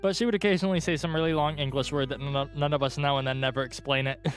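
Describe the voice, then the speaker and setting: A man's voice: fairly high pitch, fairly even intonation, quick pace, close to an everyday voice. A young man reading the lines of a friendly, earnest schoolgirl in a visual novel, in close to his own voice. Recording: faint guitar music underneath. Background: soft guitar music.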